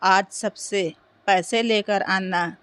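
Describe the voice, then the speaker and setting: A woman's voice: mid-range voice, fairly even intonation, slow pace, a bit bright, clear, resonant tone. A woman voicing a bossy, greedy older mother-in-law who gives curt demands, in a storybook reading. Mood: demanding.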